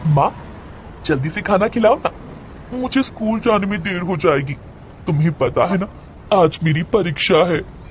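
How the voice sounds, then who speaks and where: A man's voice: high voice, unhurried, pauses often, slight background noise. A man voicing a crazed pregnant schoolgirl who taunts in a singsong voice and breaks into cackling laughter. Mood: pleading. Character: crazed pregnant schoolgirl, giggling, fixated on exams.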